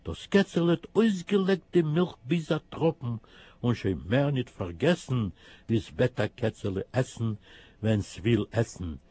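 A man with a lilt tells a children's tale, his pitch swinging widely. His voice is husky, and the recording is dry and close. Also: measured pace, no room sound. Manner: lively, sing-song. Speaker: storyteller. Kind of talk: children's story reading.

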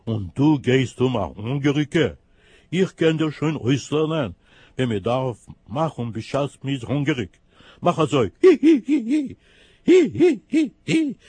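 A man doing a gentle neighing horse. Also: medium pitch, expressive, a little slow, slightly rough, dry recording. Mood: teasing. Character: gentle old horse, calm and helpful.

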